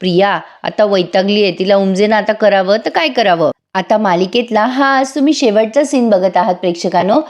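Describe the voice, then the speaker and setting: A woman's voice: medium pitch, fairly quick, few pauses, darkish tone. A woman narrating a casual voice-over recap of a TV serial episode, chatting directly to viewers. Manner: chatty, addresses viewers, light laughs.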